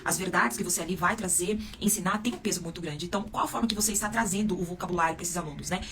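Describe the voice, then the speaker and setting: A woman's voice: fairly low pitch, racing, a bit bright. A woman educator with a Brazilian Portuguese accent, giving spoken teaching tips to camera and often tagging her sentences with little check-in questions. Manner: peppers sentences with "né?" and "tá?" tag questions. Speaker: educator and psychopedagogue. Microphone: close to camera or phone mic.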